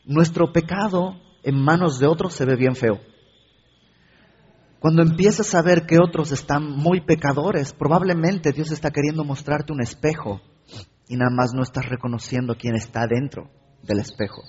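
A man preaching a sermon, his husky, fairly high voice often turning to ask the listener direct questions. The recording is dull and lo-fi, with a long hall reverb behind him. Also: normal speed, darkish tone.

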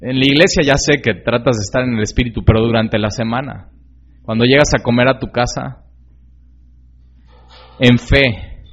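Speaking at a normal speed with fairly even intonation and frequent pauses, this man preaches a sermon earnestly and conversationally in a medium pitch. He often asks the listener direct questions and uses many fillers and tag questions. The recording is lo-fi and slightly dull.

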